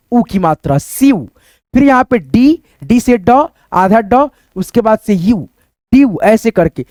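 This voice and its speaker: A man's voice: very high-pitched, a little mellow, dry recording, studio quality. Patient man spelling out English words. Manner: spells words letter by letter, asks and repeats answers; keeps addressing viewers as friends with tag questions. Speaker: English teacher. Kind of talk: online phonics lesson.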